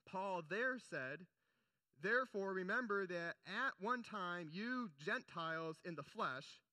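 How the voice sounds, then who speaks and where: A young pastor preaches earnestly yet conversationally, dropping casual asides between scripture readings. His voice sits high with a sharp tone, in a dry recording.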